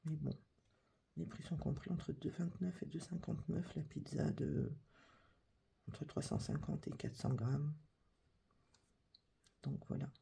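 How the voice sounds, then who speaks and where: A woman reading a catalogue as whispered ASMR, her voice breathy and very husky, with a heavy gravelly edge. She takes it unhurried and soft, adding chatty little asides between items. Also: low-pitched. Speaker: catalogue reader.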